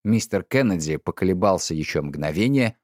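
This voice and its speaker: A man narrating an audiobook in an expressive, dramatic storytelling manner. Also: low-pitched, moderate pace, no room sound, studio quality. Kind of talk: scripted narration.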